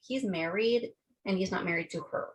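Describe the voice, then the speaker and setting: A woman's voice: mid-range voice, moderate pace. A woman co-hosting a podcast, telling a true-crime case in casual chat and swearing freely. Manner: chatty, swearing, quotes people in voices. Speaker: podcast co-host.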